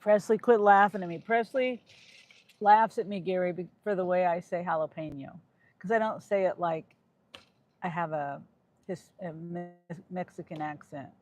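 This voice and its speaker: Speaking from her car to a livestream, this Midwestern gig worker in middle age chats and reads out her viewers' messages, her phone clipped to the dashboard. She has a fairly low, slightly mellow voice at normal speed, with no echo and faint music behind her.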